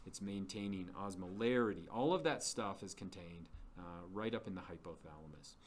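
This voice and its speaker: Male lecturer, slightly deep voice, explains step by step in plain words, teacherly. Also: brisk, slight background noise. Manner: didactic, plain-worded, asks and answers own questions. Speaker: science lecturer.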